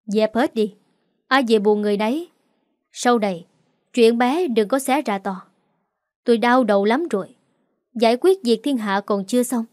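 A woman's voice: fairly high pitch, normal speed, pauses often, a little mellow, no echo, clean studio sound, close to an everyday voice. A woman voicing a tired older man who heads a wealthy household, dismissive and worn out. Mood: weary.

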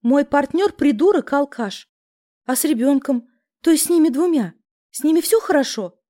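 A frightened young mother-to-be in an audiobook, played by a woman reading it. She pleads in a plaintive, anxious voice that sits higher than plain narration. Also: lively intonation, normal speed, warm tone.

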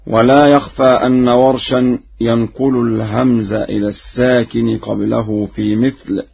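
رجل عالم بالقراءات يشرح في درس إذاعي ديني بإلقاء رصين، ويرتل شواهد قصيرة من الآيات بين الشرح. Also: male voice, medium pitch, flat delivery, gravelly, breathy edge. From Egypt. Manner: measured formal explanation with short chanted verse recitations. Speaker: Quran recitation scholar. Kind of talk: broadcast religious lesson. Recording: muffled old radio broadcast.

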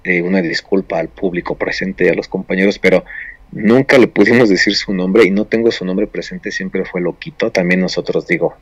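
Man, lowish voice, rambling casual storytelling, dry close sound. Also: brisk, slightly rough, dry recording, muffled recording. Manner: rambling, with many restarts and fillers. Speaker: storyteller on a paranormal show.

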